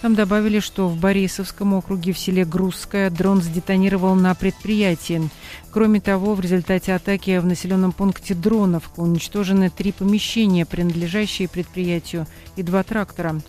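A woman anchoring a radio newscast in a crisp, even newsreader delivery at a studio mic. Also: lowish voice, a little fast, faint music behind. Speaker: news anchor. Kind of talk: radio news reading.

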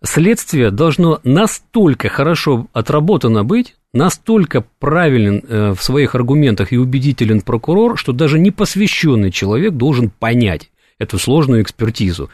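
A man's voice: mid-range voice, big pitch swings, normal speed, a little mellow, no room sound. Man on a radio panel, lots of ums and restarts, mid voice, dry studio. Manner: hesitant, many fillers and restarts. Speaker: studio guest, legal commentator. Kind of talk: radio discussion. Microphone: studio microphone.

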